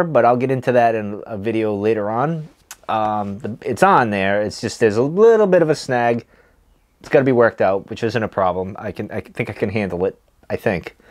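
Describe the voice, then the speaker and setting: A man speaks casually in a medium-pitched voice, like a reviewer talking to his regular viewers. His delivery is laid-back and hesitant. Phrases often trail off as he pauses to puff on a cigar. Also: a little mellow. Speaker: cigar and pipe tobacco reviewer. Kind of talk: casual chat to camera. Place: small wood-paneled room, indoors.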